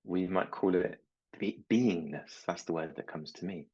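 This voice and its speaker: Low husky-voiced male coach. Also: lo-fi sound. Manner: slow, gentle and reflective, with anecdotes about his children. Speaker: mindset coach. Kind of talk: reflective talk to camera.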